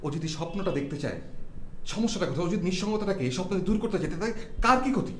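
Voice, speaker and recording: An actor playing a poor, idealistic writer tenant who speaks in formal, earnest, pleading phrases. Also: male voice, high voice, expressive, racing, fairly bright tone, echoey room, a little hiss or hum. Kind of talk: TV drama acting.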